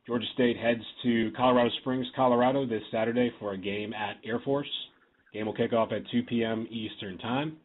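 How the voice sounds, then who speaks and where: A man's voice: mid-range voice, fairly even intonation, brisk. A man moderating a media teleconference, formal and polite, reading announcements and introducing the guest. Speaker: call moderator. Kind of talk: scripted call moderation. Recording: phone line.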